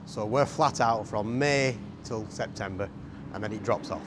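A man who owns a farm contracting business, answering interview questions outdoors in a farm yard in a steady, agreeable way and often repeating his words. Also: fairly low pitch, moderate pace, noisy background.

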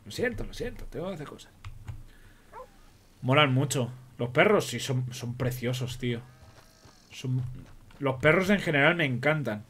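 A man's voice: mid-range voice, expressive, normal speed, long pauses, fairly bright tone. A man with a Spain Spanish accent doing in-character game role-play commentary, joking, swearing, talking to himself and cooing at animals. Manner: jokey, swears a lot, talks to himself and coos at animals. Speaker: roleplay streamer.

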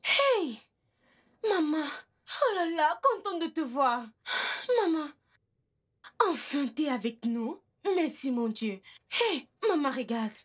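High, bubbly grown daughter. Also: female voice, expressive, takes it slowly, pauses often. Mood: cheerful. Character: lively grown daughter, cheerful and bossy. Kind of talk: dubbed film drama.

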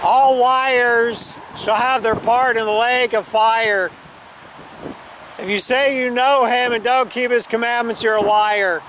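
Caught on a camera mic full of wind noise, a man with an extremely high, slow voice delivers loud open-air preaching in a church parking lot before settling into calmer, earnest argument with a passerby. The recording is rough.

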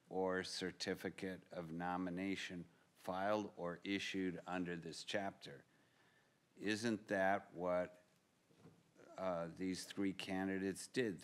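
A man's voice: low voice, fairly bright tone. A man in his sixties, a judge questioning from the bench and reading out law. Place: large courtroom. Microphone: gooseneck bench microphone.

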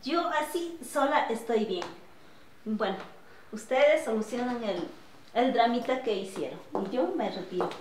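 A woman playing a carefree, sharp-tongued family friend, dismissive in tone. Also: a little high, lively intonation, unhurried, reverberant, a little hiss or hum.

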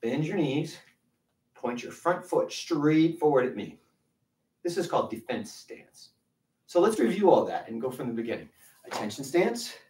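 Male karate instructor, encouraging, lively delivery, distant and echoey. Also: a little high, moderate pace. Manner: encouraging, counts drills aloud. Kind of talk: online kids' karate class. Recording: roomy, from a distance.

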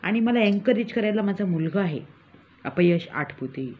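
With a mid-range, natural voice that's animated and at normal speed, a woman delivers a comic monologue over a tinny, phone-like line with slight background noise. Her character, a scheming con-artist village mother, brags and mocks with smug glee.

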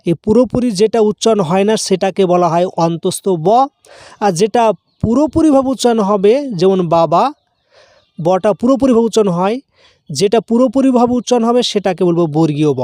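A man teaching a grammar lesson, explaining slowly and acting out spoken examples. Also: sits high, animated, warm tone, no echo, clean studio sound.

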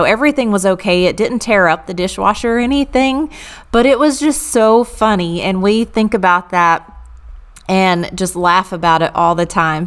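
With a clean, mid-range voice, a woman vlogger narrates a clean-with-me video in a chatty, amused way, sharing childhood stories.

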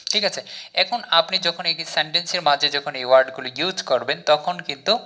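A man speaks as he teaches vocabulary. His voice sits a little high and has a bright, forceful ring. He reads each word carefully and often says it twice. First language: Bengali. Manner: reads word lists slowly, repeating each for the viewer. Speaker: English teacher. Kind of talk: vocabulary lesson.

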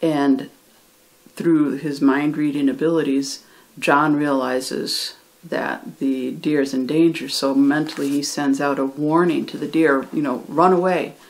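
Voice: medium pitch, little pitch movement, a little slow. A conversational teacher retelling a story. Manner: loose and conversational, with frequent restarts and acted quotes. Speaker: ESL reading teacher. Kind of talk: casual retelling of a book chapter.

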